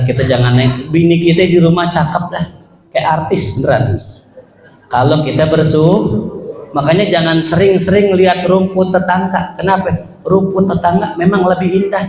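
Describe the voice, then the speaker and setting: A man's voice: a little high, a little mellow. A man preaching a joking sermon in a mosque, addressing the congregation directly. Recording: echoey mosque hall.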